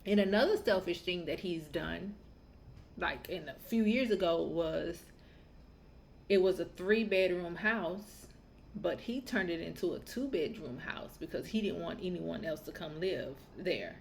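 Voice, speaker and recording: A woman's voice: fairly low pitch, measured pace, gravelly, a little hiss or hum. A woman raised in the Southern United States, hosting a podcast and telling a family story in a candid, opinionated, chatty way. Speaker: podcast host. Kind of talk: casual podcast monologue.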